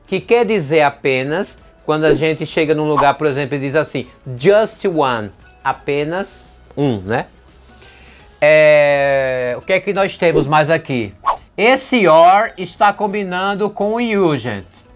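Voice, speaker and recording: Male teacher from Brazil, slightly high voice, unhurried drill delivery, soft music underneath. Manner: slow deliberate English models, brisk explanations. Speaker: English teacher. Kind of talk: language lesson.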